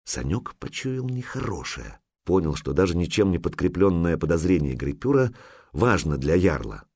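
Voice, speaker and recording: A man narrating an adventure audiobook in an expressive, storytelling manner. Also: low-pitched, normal speed, husky, dry recording.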